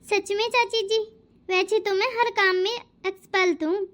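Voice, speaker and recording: A lisping young bride in a family cartoon, voiced by a woman, shy and eager to please. Her voice sits very high. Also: steady tone, unhurried, fairly bright tone. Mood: cheerful. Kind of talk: cartoon voice acting.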